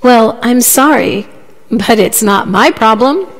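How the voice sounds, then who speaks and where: A woman storyteller voicing a stubborn fisherman who speaks in a calm, nonchalant way. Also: sits high, natural voice. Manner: nonchalant, slow explaining. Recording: long hall reverb.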